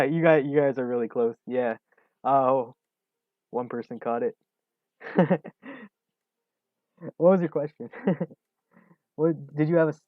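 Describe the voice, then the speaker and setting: This is a stock trading livestream host in his twenties, medium-pitched and laid-back, who answers questions from viewers while chuckling often and leaning on fillers. The sound is dry and phone-quality.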